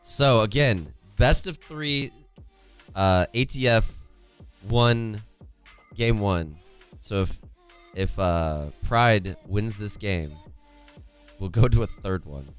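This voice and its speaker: This young esports caster, voice tired and rough, streams from a room at home, talking casually, reading out chat and laughing a lot. He sits right in front of a studio condenser mic with headphones on; his lowish voice moves slowly with frequent pauses, sounding a bit bright against faint music.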